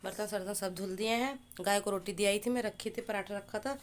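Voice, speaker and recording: A woman vlogger narrating her day in a casual, chatty way, often filling pauses with short hums. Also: mid-range voice, steady tone, a little hiss or hum. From India. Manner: chatty, repeats "हैं" and "hmm" as fillers. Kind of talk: casual family vlog narration.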